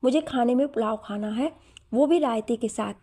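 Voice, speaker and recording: A woman's voice: on the high side, moderate pace, mellow, breathy edge. Woman reading as a teasing young man.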